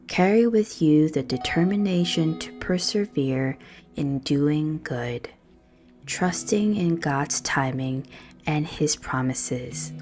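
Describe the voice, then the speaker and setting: This is a prayerful meditation led by a woman whose voice sits low. She takes her time, calm and unhurried, pausing evenly between lines while gentle guitar plays softly underneath.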